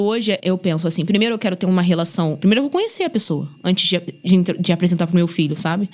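A young Brazilian woman, a guest on a podcast, chatting casually about her life as a single mother and filling her speech with "né?" and "gente". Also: mid-range voice. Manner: chatty, animated, lots of "né?" and "gente". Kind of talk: casual chat, personal storytelling.

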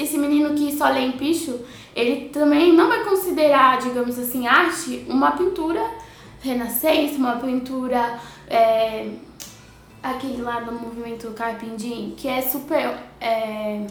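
A woman, a guest in a casual discussion, speaking reflectively with hesitations and trailing phrases. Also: sits high. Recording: roomy echo.

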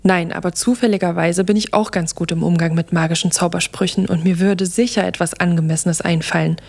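A woman's voice: fairly low pitch, fairly even intonation, brisk, creaky, a little mellow. A woman playing an alarmed young warlock. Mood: stern. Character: young male warlock friend, anxious and protective.

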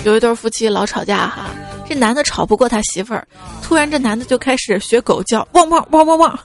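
A woman host reading listener jokes aloud, laughing at her own lines and jumping her voice up to act out the people in each joke. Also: fast. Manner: lively, acts out quoted speakers with jumps in pitch. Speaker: radio-style joke show host. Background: faint background music.

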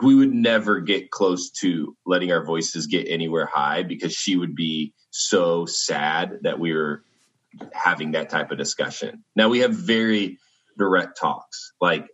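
A man's voice: low-pitched, moderate pace, a bit bright, lo-fi sound. A man on a video call podcast, talking in an earnest, easygoing, reflective way. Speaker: podcast co-host. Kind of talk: casual chat over a video call.

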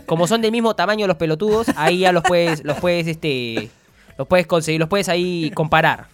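A cranky, foul-mouthed older male doctor, as a man puts him on. He rambles, repeats himself and insults whoever he is talking to, in a voice pitched a little high. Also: moderate pace, dry recording, natural voice. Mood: boastful. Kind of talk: comedic character interview.

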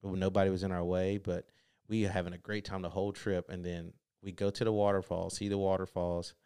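A man's voice: sits low, little pitch movement, dark tone, smooth, dry recording, studio quality. A man in his thirties, a father chatting casually with his wife, telling a trip story in a laid-back way that draws out his words. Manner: laid-back, laughing, slow emphatic storytelling. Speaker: co-host, husband and father. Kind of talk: casual chat.

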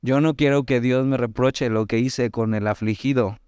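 A Mexican man with a Mexican Spanish accent preaching a sermon, teaching through a Bible passage in a conversational way with lively asides and slow readings of scripture. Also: medium pitch, clean tone, no echo, clean studio sound. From Mexico, Veracruz. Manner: conversational, animated asides, reads scripture slowly.

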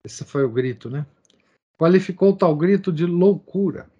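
A man's voice: fairly high pitch, normal speed, dark tone, husky. A man reading a text aloud and commenting on it like a lecturer, breaking in with asides and habitual tag questions. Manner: reads quoted passages, adding asides and verbal tics like "né?". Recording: dull lo-fi recording.

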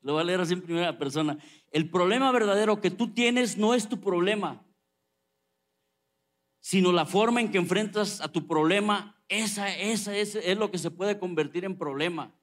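A man's voice: high-pitched, normal speed, fairly bright tone. A middle-aged man preaching a sermon as pastor, conversational and joking with the congregation.

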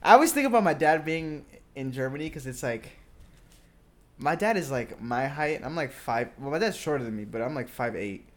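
A young man co-hosting a podcast in casual chat, animated and profane, quick to react and jump in. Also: a little high. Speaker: podcast co-host.

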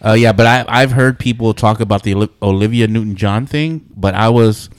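A man's voice: on the low side, a little fast, clear, resonant tone, no echo, clean studio sound. Easygoing man in his forties. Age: 40s. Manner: rambling, easygoing reminiscing. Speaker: podcast host. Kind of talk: casual podcast chat.

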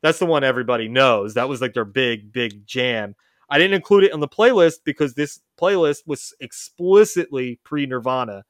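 A male podcast host with a medium-pitched, slightly bright voice leads a casual music chat, rambling, restarting often and correcting himself mid-sentence. The clean studio recording has no room sound.

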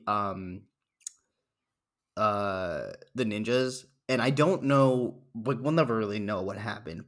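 A fairly low-pitched man co-hosts a podcast, chatting casually as he reviews a movie with mocking energy. He acts out scenes, breaking into sudden loud screams.

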